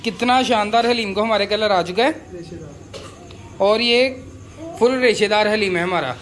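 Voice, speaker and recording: A man hosting a cooking channel, calmly explaining each step of a big-pot recipe as he works in an outdoor courtyard. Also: high-pitched, normal speed. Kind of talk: cooking demonstration narration. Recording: noisy outdoor recording.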